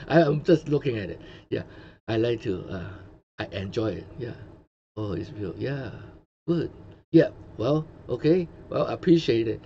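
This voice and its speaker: A Cantonese-speaking man from Hong Kong hosts his own English-language commentary livestream, speaking with a Hong Kong accent in a mellow, mid-range voice. He rambles casually, full of fillers and restarts, and chuckles often, on dull lo-fi audio with faint noise.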